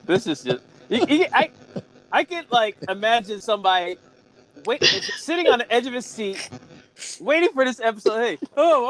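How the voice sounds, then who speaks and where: A man's voice: high voice, fairly bright tone. A man hosting a podcast in casual chat, exclaiming and thinking aloud with restarts. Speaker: podcast host.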